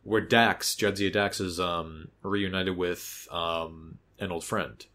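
A man in his thirties hosting a podcast, talking in a casual, animated way, swearing freely and restarting often. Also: low voice, slow pace. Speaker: podcast host. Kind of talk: casual chat.

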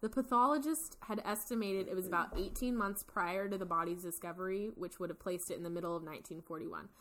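A woman's voice: on the low side, fast talker, a bit bright. Informal woman telling a true-crime story. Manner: giggly, informal, swearing. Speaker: podcast host. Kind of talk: casual true-crime storytelling, partly read from notes.

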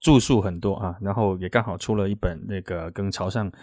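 A man with a Chaoshan Teochew accent, a native Teochew speaker, hosts a casual interview and talks haltingly, often repeating words. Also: sits low, steady tone, a little mellow, dry recording, clean studio sound. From Chaoshan, southern China. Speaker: podcast host.

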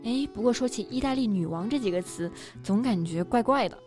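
A woman's voice: on the high side, animated, brisk, darkish tone. A woman co-hosting a bilingual language lesson, affirming points and adding example sentences. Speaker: co-host and English teacher. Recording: faint music underneath.

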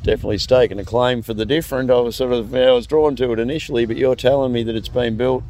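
A man's voice: medium pitch, steady tone, fast talker, mellow, faint music behind. An Australian man hosting casual interviews at a car show in a matey, sweary, blokey tradesman manner. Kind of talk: casual on-location chat.

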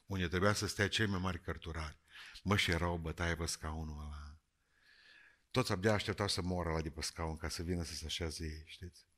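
A man preaching a sermon, lively and joking, moving between loud calls and quiet words. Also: low-pitched. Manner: lively, jokey, swings between shouting and quiet.

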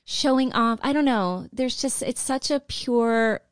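A middle-aged woman co-hosting a podcast in casual, supportive chat, effusive and quick to agree. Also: fairly high pitch, smooth, no echo, studio quality. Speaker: podcast co-host.

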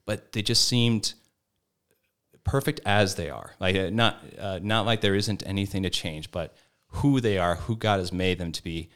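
A man speaking as a formator on a podcast panel, giving reflective, searching answers with many pauses and restarts. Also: low-pitched, fairly bright tone.

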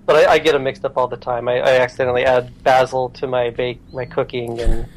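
A man who is a guest on a podcast, talking in a relaxed, self-deprecating way with many fillers. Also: mid-range voice, quick pace, low-quality recording. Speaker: podcast guest, programmer and writer. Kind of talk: casual interview chat.

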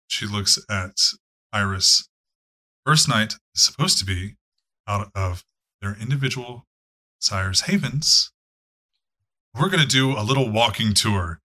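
A man's voice: on the low side, animated, takes it slowly, pauses often, pushed and bright. A man narrating a tabletop game as game master, casual and profane, with frequent fillers.

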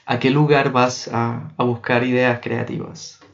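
A man hosts an interview and asks his questions haltingly, filling the gaps with hesitation sounds. His voice is mid-pitched, and the recording sounds dull and lo-fi. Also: level tone. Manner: halting, lots of filler sounds. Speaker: podcast host. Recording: dull lo-fi audio.

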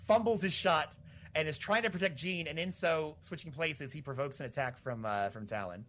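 A man's voice: fairly high pitch, moderate pace, fairly bright tone. Casual, hesitant man playing a tabletop game. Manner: informal, hesitant, frequent "like". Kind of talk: casual game chat, describing his character's actions.

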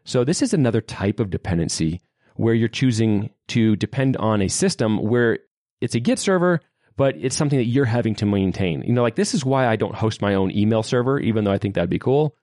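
A programming podcast host shares his opinions conversationally, with lively emphasis in typical tech podcast talk. His voice is on the low side and fairly quick, recorded dry at studio quality.

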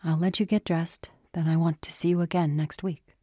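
A woman voicing a female doctor who speaks in a measured, professional way to a patient. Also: on the low side, fairly even intonation, no echo, clean studio sound, lightly acted. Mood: clinical. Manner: measured, softening.

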